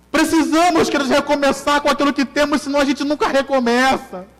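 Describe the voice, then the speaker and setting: Preaching as pastor in a church hall, a Carioca-accented Brazilian man repeats his key lines and questions the congregation. He has an extremely high voice with a fairly bright tone, and a long reverb tail trails his words.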